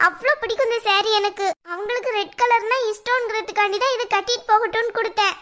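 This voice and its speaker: A woman's voice: extremely high pitch, steady tone, fast, pushed and bright. A young woman acting in a family drama, speaking in a tearful, pleading way. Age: young adult. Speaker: scheming young wife-to-be in a home drama. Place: indoors at home.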